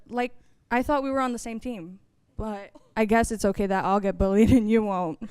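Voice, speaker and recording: A woman's voice: mid-range voice, mellow, clean tone, no room sound, studio quality. A young woman doing a stand-up comedy set on a college stage, chatty and self-mocking, acting out other people's voices. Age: young adult.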